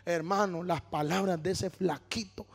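A man preaching a sermon as a testimony, telling a story and calling out "hermano" as he builds to shouting. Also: high-pitched, steady tone, measured pace, creaky, slightly rough. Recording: long hall reverb.

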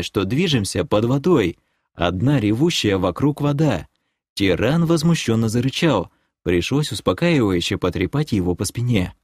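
Male audiobook narrator, expressive and animated, dry close recording. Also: on the low side, no room sound. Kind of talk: first-person audiobook narration.

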